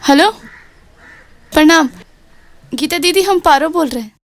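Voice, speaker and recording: A woman's voice: high voice, measured pace, no echo, studio quality. A woman playing an earnest village girl. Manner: earnest, rustic dialect, laughs easily. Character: determined village girl grown into art teacher.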